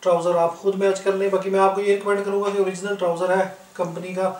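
With goods laid out on the floor of an indoor room, a Pakistani-accented man who sells in a shop and hosts videos explains his products in a casual demonstration. He talks fast in a high voice with little pitch movement, and the distant mic picks up a roomy sound with faint noise.

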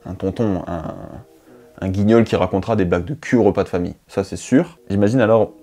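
A deep, dark-toned voice moving at a brisk clip belongs to a young YouTuber chatting to camera about his year. He rambles in slang and pokes fun at himself in an unscripted, casual monologue, recorded indoors in a dim bedroom studio on a lapel mic.

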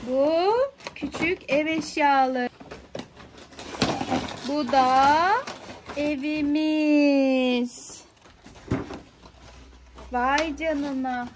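A woman whose voice sits high talks to a small child during a playful toy unboxing, with slight background noise. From a living-room sofa indoors, she keeps encouraging the child and asks many questions.

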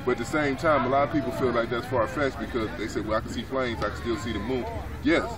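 A man in his forties talks through his ideas in an earnest, explaining way, a minister answering questions outdoors in a park. The camera sits a few feet off, so his voice comes from a distance. A clear murmur of people carries behind him. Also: medium pitch, steady tone, fast talker. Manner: earnest, explanatory, repeats "so therefore". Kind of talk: street interview. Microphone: camera mic at a few feet. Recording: distant outdoor mic, crowd noise behind.

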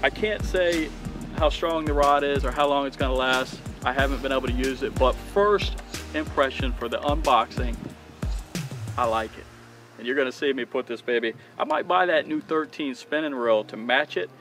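A man's voice: medium pitch, normal speed, music in the background. A man in his thirties hosting a fishing channel, chatting eagerly to viewers as he unboxes gear on a dock. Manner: enthusiastic, chatty, addresses viewers as guys. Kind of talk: casual product unboxing. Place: outdoors on a dock by open water.

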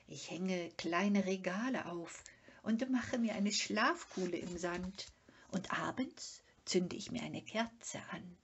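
A woman voicing a small, timid but excitable animal creature in a storybook reading, eager and breathless. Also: lowish voice, slow, dull audio, slight background noise. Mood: dreamy.

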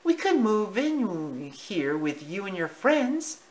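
A storybook reader voicing a fond mother mouse in a very high voice. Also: sing-song, slow. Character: warm motherly female mouse.

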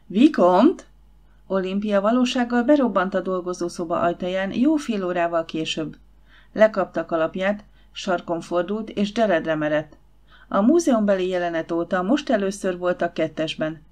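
A woman narrating an audiobook in a steady, clear storytelling voice. Her pitch sits slightly low for a woman. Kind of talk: scripted narration.

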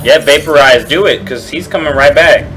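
A man casually commentating his own card game, teasing his opponent and slipping into mocking squeaky voices. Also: moderate pace. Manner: playful trash talk at opponent, swings into squeaky mocking voices. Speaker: gameplay streamer. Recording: game music behind voice.

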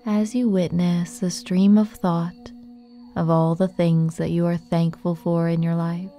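A woman with a dark, relaxed voice on the low side talks listeners through a meditation at a very slow pace. Long pauses separate her gentle, soothing phrases, and quiet music runs in the background.

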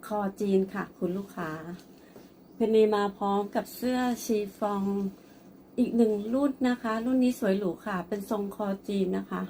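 A woman's voice: medium pitch, steady tone, normal speed, mellow, slight background noise. A woman presenting and selling a blouse, speaking politely and addressing the customer often. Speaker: online clothing seller. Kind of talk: product showcase sales pitch.

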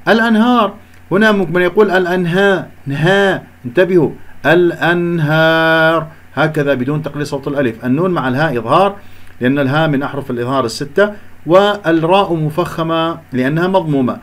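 A man teaching Quran recitation. He explains each letter and sound, recites slowly to demonstrate and corrects common mistakes. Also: on the high side. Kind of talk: recitation lesson with slow demonstrations.

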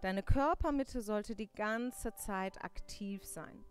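Slow-spoken woman leading a yoga class. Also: medium pitch. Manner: clear step-by-step cues with light teasing corrections. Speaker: yoga instructor. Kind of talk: live online yoga class cueing. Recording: faint music behind.

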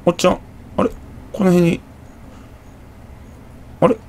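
A young man with a Kansai accent comments on a horror game, muttering to himself and giving jumpy exclamations as he plays. Oddly, his high-pitched, darkish voice has a completely flat delivery and an unhurried pace.

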